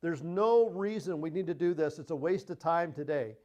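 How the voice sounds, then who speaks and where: Male instructor, higher voice, plain-spoken lecture on equipment. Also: moderate pace, warm tone. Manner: plain-spoken, repeats key points. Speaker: HVAC trainer. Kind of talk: technical training presentation.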